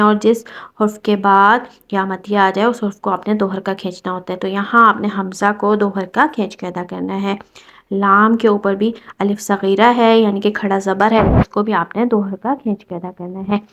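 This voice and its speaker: A woman teaching Quran recitation rules step by step, patiently explaining and reciting verses slowly. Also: medium pitch. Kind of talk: tajweed lesson explaining rules.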